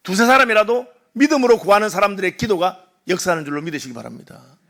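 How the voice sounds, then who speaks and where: A male pastor delivers a sermon in a church sanctuary, his voice sitting high for a man and ringing bright. He tells the story with animation, slipping into the voices of mourners and doubters before returning to plain preaching. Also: quick pace.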